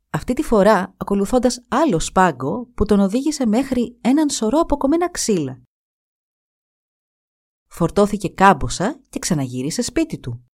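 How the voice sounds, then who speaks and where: A woman narrating a folk tale in an expressive, dramatic storytelling manner. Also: mid-range voice.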